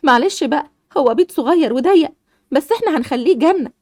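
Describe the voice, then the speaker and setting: A tender, patient Egyptian mother, as a woman puts her on in a low voice. She comforts her daughters at a quick pace. The sound is dry and close. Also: expressive, darkish tone, no echo. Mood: soothing. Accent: Egyptian Arabic. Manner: soothing, reassuring.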